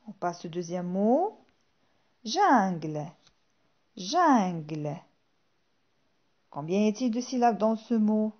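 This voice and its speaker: Woman, primary teacher, very slow careful speech, lively higher voice, repeats words twice, dull lo-fi sound. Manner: slow, clearly articulated, repeats each word twice. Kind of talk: slow phonics lesson for young children.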